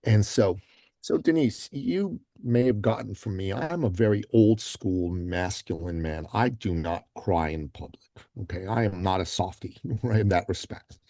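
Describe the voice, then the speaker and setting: A man guest on a podcast, telling a story in a casual, animated way and acting out the quotes, with many ums and you-knows. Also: low-pitched, moderate pace, no room sound, studio quality. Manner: frequent fillers like um and you know.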